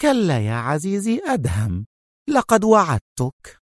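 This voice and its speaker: A man voicing a tense, cruel female spy in a raised, sharp voice. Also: sits high, expressive, a little fast, no room sound, clean studio sound, pitched above the performer's own voice.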